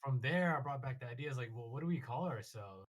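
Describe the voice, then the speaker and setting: A man's voice: mid-range voice, animated, fast talker. A man with a Californian Bay Area accent chatting casually as a podcast guest in easy bro slang. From San Francisco Bay Area, California. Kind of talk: casual chat.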